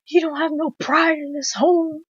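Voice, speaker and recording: A scolding old backwoods cook, as a woman puts him on, barking in a pitched-up, scornful drawl. The line is dry and a little dull, like a lo-fi home recording. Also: steady tone, normal speed, no echo, natural voice.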